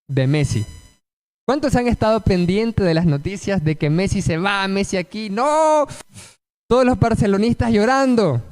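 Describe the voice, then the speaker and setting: A man's voice: high-pitched, a little mellow. A man preaching a sermon, emphatic and asking the congregation rhetorical questions.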